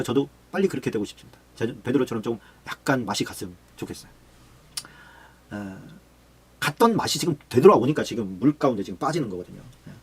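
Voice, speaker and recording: A man pastor giving a Bible study sermon in a lively, casual way, acting out quoted voices with big pitch jumps. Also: slightly rough.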